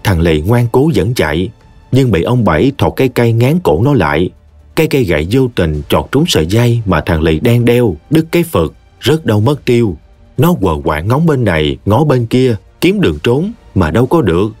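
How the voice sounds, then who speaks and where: A man with a Southern Vietnamese accent narrating a story in an expressive, folksy way. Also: medium pitch, moderate pace, dry recording, faint music behind.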